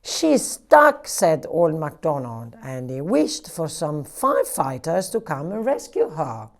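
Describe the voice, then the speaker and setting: Slow, animated woman reading a storybook. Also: deep voice. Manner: animated, playing out sound effects. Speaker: library storyteller. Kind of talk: reading a picture book aloud to children.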